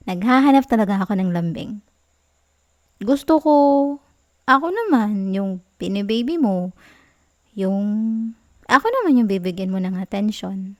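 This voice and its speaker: In an intimate ASMR roleplay, a young woman with a Filipino accent plays a clingy, pouty, playful girlfriend. Her soft, whiny, teasing delivery sits in a mid-range voice close to how she'd normally talk, and the mood is clingy and sweet.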